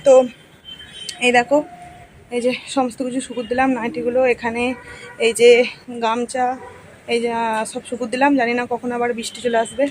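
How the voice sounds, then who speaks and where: Woman filming her home on her phone, talks soft and slow, kinda tired, slightly high voice. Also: little pitch movement, a little hiss or hum. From India. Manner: soft, slow-paced, tells viewers what she does. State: unwell, a little tired. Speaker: vlogger. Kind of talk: casual home vlog chat. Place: home and garden.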